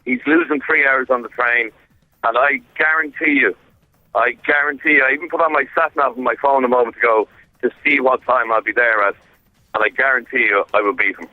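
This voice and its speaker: A man's voice: mid-range voice, lively intonation, fairly quick, no echo, soft background music. A man giving an emphatic, casual live report over the phone, often repeating himself for effect. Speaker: radio show presenter on a challenge. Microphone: phone call. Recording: muffled, phone-like line.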